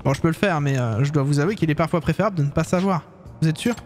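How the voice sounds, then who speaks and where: A man playing a courteous young private detective, speaking evenly with a slightly raised pitch. He sounds measured and polite, with faint music behind, in this game fan dub. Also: close to an everyday voice. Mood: businesslike. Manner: courteous, measured, a few slips.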